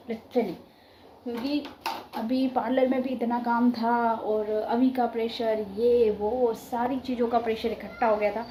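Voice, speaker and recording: A woman's voice: on the high side, dark tone. A woman in her thirties, a vlogger chatting casually at home, telling a story and laughing, recorded on a phone. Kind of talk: casual vlog chat. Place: at home, echoey room. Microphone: phone camera. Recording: echoey home room, faint room noise.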